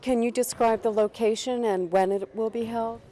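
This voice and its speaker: A woman's voice: a little high, steady tone, normal speed, mellow. A woman hosting a community cable TV show who asks short, polite interview questions. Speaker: community TV host. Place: indoor futsal facility.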